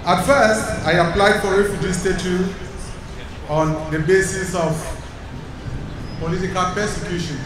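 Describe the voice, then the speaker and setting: A man from Cameroon, giving a prepared personal testimony at a church service in a measured, deliberate way. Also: sits high, fairly even intonation. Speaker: congregant sharing a testimony. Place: large church sanctuary. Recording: echoey hall from far off, noisy.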